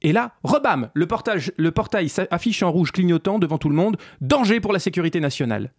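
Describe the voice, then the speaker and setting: A man's voice: high-pitched, animated, fairly quick, dry recording, clean studio sound. A man hosting a sarcastic commentary video essay, speaking ironically and addressing the listener directly. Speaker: host.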